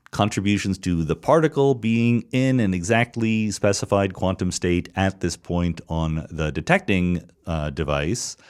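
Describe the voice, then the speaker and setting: A middle-aged man with a lowish voice hosts a podcast, answering listener questions in a thoughtful solo monologue. He explains things step by step, often restarting and repeating words.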